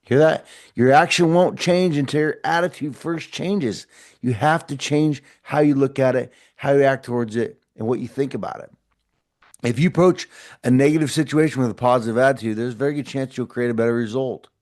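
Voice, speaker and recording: Here a brisk, mid-range male voice with a darkish tone carries a short motivational podcast. The middle-aged host speaks casually to camera, sincere and uplifting, circling back and restarting often.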